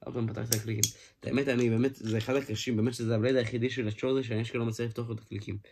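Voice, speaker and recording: An excitable man talks through a casual hands-on toy review from home, exclaiming often and breaking off mid-sentence. His mid-pitched voice has a gravelly fry. The recording is noisy, with clicks behind him.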